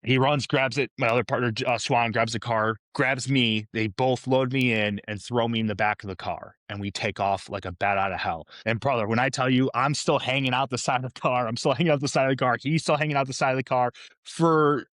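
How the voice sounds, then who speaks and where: A man's voice: medium pitch, fairly even intonation, a little fast, a bit bright, dry recording. A young man, a former police officer telling a vivid, profane story in a podcast interview.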